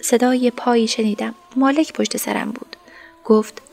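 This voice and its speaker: A woman narrating a story in the first person, in a soft, sometimes whispered voice. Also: a little high, steady tone, gravelly, faint music behind.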